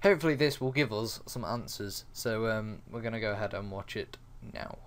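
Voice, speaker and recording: A young man chatting casually as a gaming YouTuber, halting and thinking aloud. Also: on the low side, a bit bright, clean tone. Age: young adult. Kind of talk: casual reaction video chat. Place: small dim bedroom, indoors.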